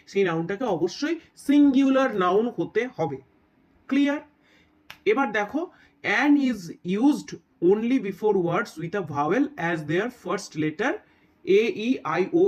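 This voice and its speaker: A man teaching a grammar lesson, explaining step by step, reading examples out slowly and often asking his students whether it is clear. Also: high-pitched, dull audio. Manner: explains step by step, checks in with "right?"; reads English examples slowly.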